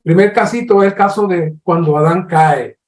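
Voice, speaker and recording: A man's voice: high voice, roomy sound. A man with a Colombian Spanish accent preaching a sermon, teaching earnestly and acting out questions. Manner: slow, earnest teaching with lively acted-out questions.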